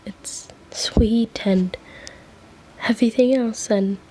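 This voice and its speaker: A woman voicing a gentle, fussy male angel bookseller in a whispered role-play, soft and stammering with endearments. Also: on the high side, fairly even intonation, slow, slight background noise. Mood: doting.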